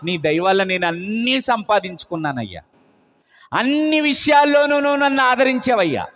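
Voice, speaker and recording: A preacher acting out an aged patriarch, humbly begging and lamenting, in a muffled, echoing hall. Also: male voice, very high voice, lively intonation, normal speed, fairly bright tone. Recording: muffled long hall reverb.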